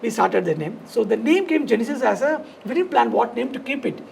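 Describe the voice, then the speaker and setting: A man with a South Indian accent and a gravelly, creaky voice, telling his story conversationally in loose, fragmented, repetitive phrases. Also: very high voice, expressive, a little fast, darkish tone, slight background noise. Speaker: dance studio founder and teacher, podcast guest.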